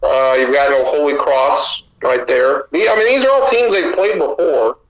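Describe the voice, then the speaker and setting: Man, sports podcast co-host, opinionated, rambling, voice a bit high. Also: normal speed, poor audio. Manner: opinionated, talks in long runs. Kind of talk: casual sports chat.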